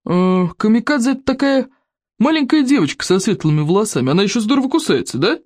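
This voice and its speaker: A woman's voice: mid-range voice, very animated, fast talker, a little mellow, no room sound, clean studio sound, voice pushed up. A woman voicing a brutish, tattooed male berserk chief in a storybook reading, musing and sly in tone.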